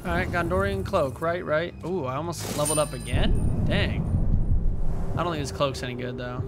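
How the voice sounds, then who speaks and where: High-pitched young man doing game commentary. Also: moderate pace, very noisy. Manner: slangy, sweary banter. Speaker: gaming video host. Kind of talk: casual let's play commentary. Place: indoor room, seated at desk. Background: game music and sounds.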